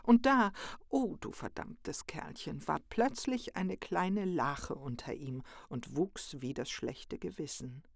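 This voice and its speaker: A storyteller reading a children's tale aloud in a lively, expressive manner. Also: medium pitch, slow, creaky, hardly any pauses, dry recording, clean studio sound.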